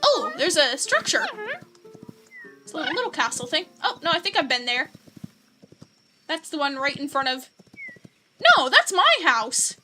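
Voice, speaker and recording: A young woman with a high, bright voice chats her way through a game, giggling and reading out chat. Her talk is loose and bubbly. Soft game music plays underneath. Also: big pitch swings, normal speed, long pauses. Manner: chatty and giggly, coos at pets. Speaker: gaming streamer.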